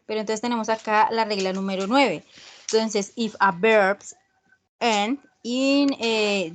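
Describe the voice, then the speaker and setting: A woman teaching an online English class, explaining rules slowly and checking in with her students often. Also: medium pitch. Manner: slow, repeats "¿sí?" checks with students. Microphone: video call.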